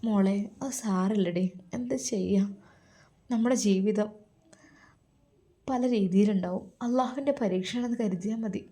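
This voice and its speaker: A woman's voice: medium pitch, steady tone, normal speed, pauses often, mellow, close to an everyday voice. A woman doing an anxious mother. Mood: anxious pleading. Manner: earnest, pleading, warning. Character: worried, protective middle-aged mother.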